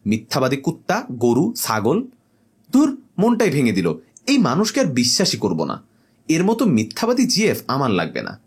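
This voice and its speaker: Cheeky young jinn guy a man plays, bantering, husky, bouncy. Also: medium pitch, huge pitch swings, normal speed, heavily acted. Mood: fuming. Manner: petulant, bantering. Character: young male jinn, vain TikToker.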